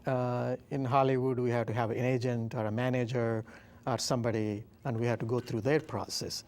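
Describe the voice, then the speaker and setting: A man from India with an Indian English accent and Telugu as his first language, hosting a casual interview in a chatty, halting way. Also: mid-range voice, level tone, darkish tone. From Andhra Pradesh, India. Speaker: interview host.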